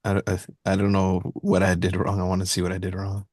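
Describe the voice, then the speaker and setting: A man's voice: sits low, monotone, brisk, a little mellow, dry recording, clean studio sound. A man from Canada who is a student in an online trading class. He chats in a laid-back way, laughing and using casual slang. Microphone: video call.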